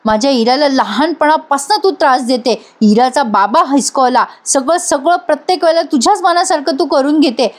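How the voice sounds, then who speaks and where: A woman reading a sharp-tongued, protective mother. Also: sits high, moderate pace, few pauses, natural voice. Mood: scolding. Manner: sharp, scolding.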